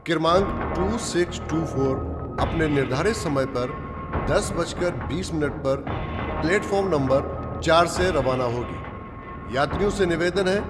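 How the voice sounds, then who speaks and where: Railway station का उद्घोषक, जो लाउडस्पीकर पर औपचारिक, नपे-तुले अंदाज़ में घोषणा करता है। आवाज़ थोड़ी ऊँची है और पीछे तेज़ फ़िल्मी संगीत गूंजता है।. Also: male voice, on the high side, over music. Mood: formal. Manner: measured, formal announcing cadence. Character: male railway station announcer, official and impersonal. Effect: over the station loudspeaker. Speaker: railway station announcer. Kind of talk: formal public announcement.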